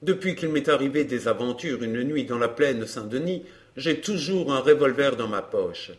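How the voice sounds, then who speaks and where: A composed gentleman lays out his reasoning in an even, measured way, as a man reads him. His voice is mid-pitched for a man. It is read like an audiobook. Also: natural voice. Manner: measured, explanatory. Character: calm, reasoning young gentleman. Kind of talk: audiobook character reading.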